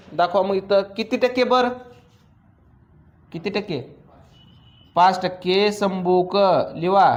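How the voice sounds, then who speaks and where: A male commerce teacher lectures his class, firing quick questions at students and teasing them. His voice is high-pitched, and the audio sounds dull.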